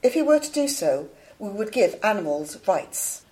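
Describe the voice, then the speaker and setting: A woman playing a composed academic in a scripted debate, formal and measured. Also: medium pitch, big pitch swings, warm tone, natural voice, low-quality recording. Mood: composed, reasoning. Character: composed female academic debater defending animal equality. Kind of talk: scripted studio debate for a listening exam.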